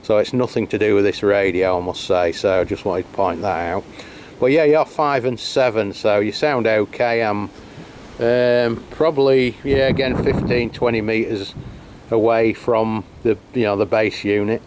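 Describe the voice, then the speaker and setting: A fairly low-pitched man at a moderate pace, with a little hiss or hum in the audio, hosts a CB radio test outdoors on a rainy hilltop. The camera mic catches him holding a handheld radio and talking casually, hesitantly, with plenty of fillers.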